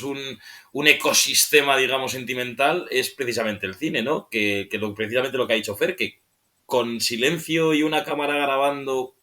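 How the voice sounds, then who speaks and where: A man's voice: mid-range voice, pushed and bright. A man on a film podcast talking off the cuff, rambling and searching for words, often ending phrases with a questioning tag. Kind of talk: casual film discussion.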